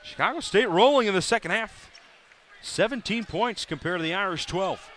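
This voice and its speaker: A man doing live play-by-play for a college basketball game, brisk and rising sharply on big plays. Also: high-pitched, lively intonation, a bit bright, a little hiss or hum. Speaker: play-by-play announcer. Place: arena broadcast booth.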